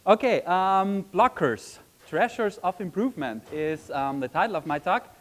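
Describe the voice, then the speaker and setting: A man from Austria gives a chatty conference presentation in a session room, often saying "um" and adding the tag "right?". His voice sits high and a bit bright, with lively intonation at a moderate pace, on a rough recording.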